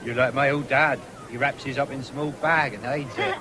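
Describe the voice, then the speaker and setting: In a 1970s radio drama, an actor plays an easygoing, free-spending young countryman with a rural English accent, teasing and hesitant in dialect. His medium-pitched, natural voice keeps a fairly even intonation at a moderate pace, heard through a noisy old broadcast with fairground din.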